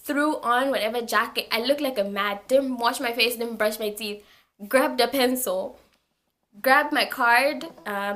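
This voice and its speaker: Young woman vlogger, bright, higher voice, animated storyteller who repeats words for emphasis. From Zambia. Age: young adult. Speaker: university student vlogger. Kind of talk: casual storytelling to camera.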